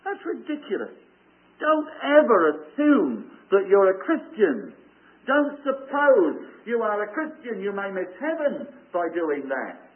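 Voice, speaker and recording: A man's voice: sits high, wildly swooping pitch, measured pace. A British man preaching a sermon on the radio, earnest and plain-spoken, acting out doubters' voices in asides. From Great Britain. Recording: narrow phone-like radio broadcast.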